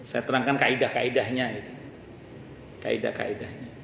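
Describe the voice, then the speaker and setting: A man's voice: mid-range voice, level tone, moderate pace, creaky, a bit bright. A man teaching a mosque study circle, telling humorous stories and acting out the people he quotes. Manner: humorous storytelling, acts out quoted speakers. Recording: echoey hall, faint ambient noise.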